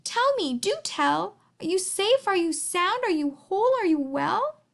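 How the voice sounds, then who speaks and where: A woman's voice: very high voice, lively intonation, slow, vocal fry, fairly bright tone, heavily acted. A woman voicing a big, kind, loyal elephant in a storybook, speaking earnestly and emphatically, with pleading. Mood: anxious.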